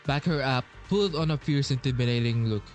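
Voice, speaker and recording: A man's voice: medium pitch, a little fast, faint music behind. A man giving casual, offhand commentary while playing a story game, chatting as he eats. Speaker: streamer.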